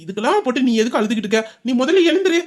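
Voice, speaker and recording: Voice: high voice, big pitch swings, rapid-fire. A performer voicing a stern, thrifty middle-aged father and shop owner who lectures and justifies himself to his wife. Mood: justifying. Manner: lecturing, self-justifying, persuasive. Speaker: father Sellamuthu. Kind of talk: audio drama acting.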